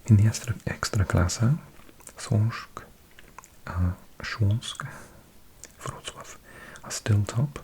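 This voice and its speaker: A Welsh man from Wales, in his forties, hosts ASMR in a soft whisper with a lowish, animated voice. He reads a list of results slowly, peppered with chatty asides.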